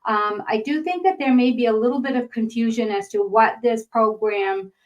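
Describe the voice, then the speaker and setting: Through a webinar microphone, an older woman from northern Maine, Boston accent and all, chats her way through a grant-writing presentation with plenty of ums and uhs. Her voice is a little high and her pace normal.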